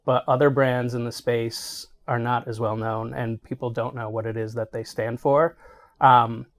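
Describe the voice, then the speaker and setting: Speaking a little slowly at medium pitch and with a steady tone, a middle-aged healthcare marketing executive answers interview questions. He talks conversationally and often adds "right?" to check in.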